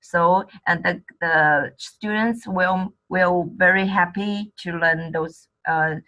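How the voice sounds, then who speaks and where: A slow-speaking woman with a Chinese accent and a bright, forward voice. She talks in halting English, pausing often to find her words as she shares classroom ideas in a casual online discussion. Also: fairly low pitch, steady tone, lo-fi sound. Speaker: Chinese teacher sharing classroom tips.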